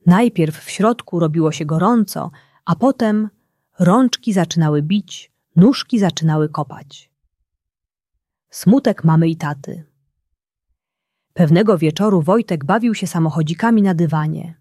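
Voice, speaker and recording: A woman reads a children's bedtime story aloud in a gentle, unhurried way. Her voice is low, mellow and warm, and she takes it very slowly. The sound is close and dry. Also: dry recording. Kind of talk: scripted bedtime story narration.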